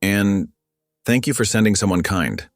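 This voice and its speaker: A man voicing a humble, grateful frontier woman who speaks softly. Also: on the low side, animated, a little slow, dry recording, clean studio sound, soft background music, voice pushed up. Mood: prayerful. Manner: soft, murmured speech.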